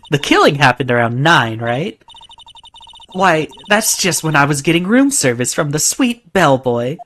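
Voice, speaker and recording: A woman's voice: low-pitched, a bit bright, a little hiss or hum, full character voice. A woman playing a coy, teasing young witness. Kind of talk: voicing a game character aloud.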